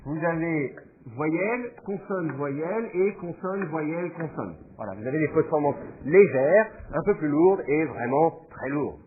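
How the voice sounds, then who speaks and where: A man's voice: fairly high pitch, expressive, measured pace, phone-quality sound, a crowd in the background. A man teaching a class, explaining patiently and thinking aloud with fillers as he goes. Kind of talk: classroom lecture.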